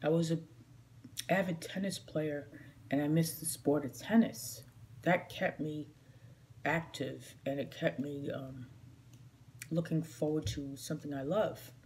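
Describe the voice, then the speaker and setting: Filmed on a phone in a small room at home, with plenty of noise, this clip shows a middle-aged woman eating and chatting casually to the camera mukbang-style. She chews between phrases in a low, mellow voice.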